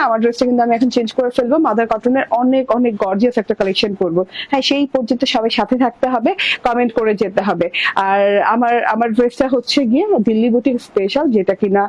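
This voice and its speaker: A woman doing a chatty, animated live-stream sales pitch for clothing, talking straight to her viewers. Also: dry recording, highs cut off. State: blocked ears from a cold. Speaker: online clothing seller.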